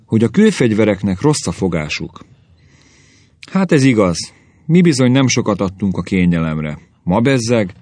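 A man's voice: lowish voice, sing-song, darkish tone, dry recording. A man voicing a grumbling old caveman grandfather who rants and complains about the young, in a story reading. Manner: querulous ranting.

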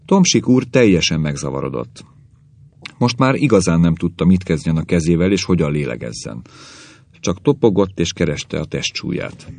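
Deep-voiced male storyteller. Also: animated, vocal fry, a little mellow. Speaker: narrator. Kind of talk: audiobook narration.

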